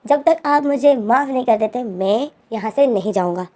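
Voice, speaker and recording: A woman voicing a loud, insistent young male college student, in her own storytelling voice. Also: very high-pitched, lively intonation, moderate pace. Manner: read in the narrator's own voice.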